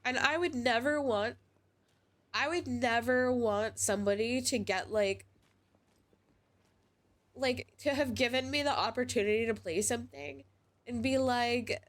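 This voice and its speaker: A woman's voice: fairly high pitch, measured pace, pauses often, a bit bright. A woman streaming a game, chatting in a rambling way with lots of "like"s and sounding congested from a cold. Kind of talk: casual live-stream chat while gaming.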